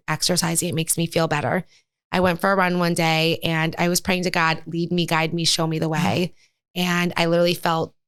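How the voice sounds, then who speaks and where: Earnest middle-aged woman, low voice. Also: fairly bright tone, clear, resonant tone, no room sound. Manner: candid and earnest, telling a personal story. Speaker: podcast guest. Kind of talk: casual interview chat.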